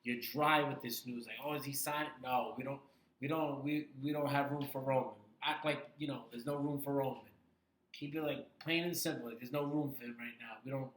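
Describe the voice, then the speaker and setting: Animated man talking wrestling in an echoey room. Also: mid-range voice, brisk. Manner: animated, repeats himself for emphasis. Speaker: podcast co-host. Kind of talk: casual wrestling talk.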